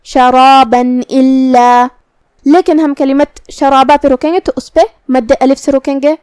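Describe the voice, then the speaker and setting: A woman teaching Quran recitation, explaining each letter patiently and reciting verses slowly and precisely. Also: high voice, fairly even intonation, mellow, dry recording, clean studio sound. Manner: precise, patient, drawn-out articulation of each sound. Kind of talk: slow, careful tajweed lesson with recitation.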